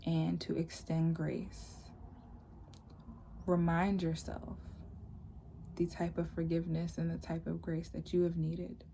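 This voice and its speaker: A woman hosting a worship vlog, speaking in an earnest, soft-spoken, reflective devotional way to camera. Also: low-pitched, creaky, slight background noise.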